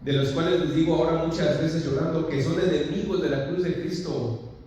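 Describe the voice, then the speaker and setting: A man's voice: fairly high pitch, fairly even intonation, fairly quick, dark tone, a little hiss or hum. Fervent man preaching in an echoey hall. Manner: fervent, repeating "hermanos" often; reads scripture aloud with emphasis. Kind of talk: sermon. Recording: echoey hall heard from a distance.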